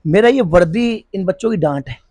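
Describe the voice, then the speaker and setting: Speaking a little fast in a high, expressive voice with a darkish tone, a middle-aged police officer who runs a school responds to an interview. His accent is Hindi and the recording is dry. Earnest throughout, he keeps repeating himself and restarting sentences while hunting for the right words.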